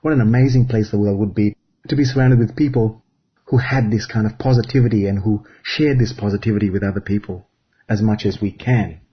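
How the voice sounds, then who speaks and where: A man from Fiji giving an earnest, measured reflective spiritual talk as a guest speaker, phrase by phrase. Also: lowish voice, steady tone, slightly rough, highs cut off.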